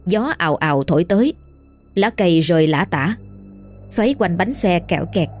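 Low-voiced woman narrating a ghost story. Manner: steady, measured storytelling. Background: faint music.

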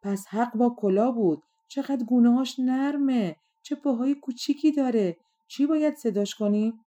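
Storybook frog fairy, kindly and eager, as a woman reader voices it; mellow, lowish voice. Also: lightly acted. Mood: delighted.

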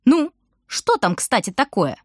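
A shrill, gossiping middle-aged grocer's wife, as a woman reader puts her on pokes into everything in this storybook reading. Her voice rides well above the reader's own and comes out loud. The sound is dry and close. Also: wildly swooping pitch, measured pace, husky, no echo, heavily acted. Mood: prying. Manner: shrill, shrieking, prying. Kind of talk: audiobook character voice.

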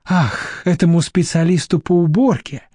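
A man's voice: a little high, animated, darkish tone, dry recording, studio quality. A man reading a steely, commanding woman. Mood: stern. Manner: slow, cutting, steely. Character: stern middle-aged woman, shrewd and commanding.

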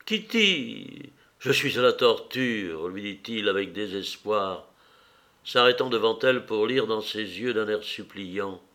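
A man reading a classic novel aloud as an audiobook narrator, measured and expressive. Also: on the low side. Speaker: audiobook reader.

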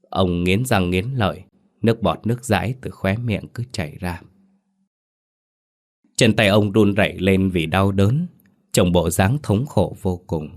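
A man narrating a horror story in a slow, grave, deliberate way. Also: low voice.

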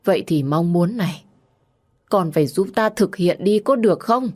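A woman's voice: low voice, measured pace, darkish tone, slightly rough. A woman voicing a dying elderly mother who speaks weakly and pleads tenderly with her daughter in a told story. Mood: pleading. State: dying, gasping.

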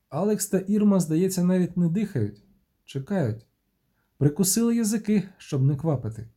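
A man narrating a novel in a measured, tense storytelling manner. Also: a little high, warm tone, husky. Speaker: audiobook narrator. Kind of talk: scripted audiobook narration.

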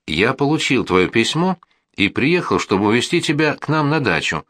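A determined schoolboy, played by a male narrator, gives his plan in short, commanding bursts. The voice sits a little above the reader's own and swings widely in pitch, recorded dry and close for a storybook. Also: very animated, fairly bright tone, no room sound. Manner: brisk, commanding, short phrases. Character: resolute schoolboy planning a rescue.

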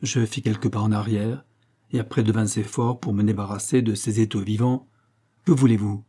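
A man narrating a classic novel in a steady, literary reading. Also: on the low side, a little fast, slightly rough. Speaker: audiobook narrator. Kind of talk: scripted narration.

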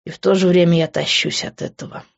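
Female reader playing a brooding young man, low and moody, tender but volatile, audiobook dialogue, muffled lo-fi sound. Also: fairly even intonation, fast talker, gravelly.

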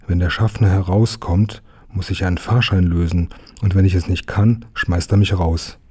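A man voicing an earnest, polite young boy, in a low, husky voice. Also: steady tone, moderate pace, dark tone. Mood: worried.

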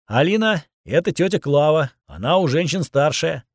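A man puts on a calm, evasive male leader in this audiobook, dismissive and reassuring all at once. His voice sits a little above the reader's own and sounds dry and close. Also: on the high side, normal speed, dry recording, pitched above the performer's own voice. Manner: brushing off questions, reassuring.

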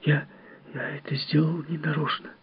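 A man's voice: a little high, little pitch movement, moderate pace, no echo, pitched above the performer's own voice. Frightened crying little boy. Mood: frightened whisper. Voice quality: soft, breathy, tearful. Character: frightened crying small boy, timid and pleading. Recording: dull, dry audiobook recording.

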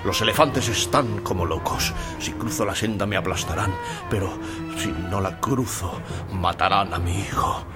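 A man's voice: low voice, normal speed, music in the background, voice pushed down, close to an everyday voice. A man voicing a noble lion king and brave father in a storybook audio drama, commanding and urgent. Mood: urgent shouting.

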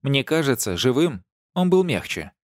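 A man's voice: medium pitch, very animated, normal speed, dry recording, pitched above the performer's own voice, natural voice. A man voicing a weary, sardonic werewolf woman who hands out dry, practical advice, in an audiobook. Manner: mocking, matter-of-fact advice.

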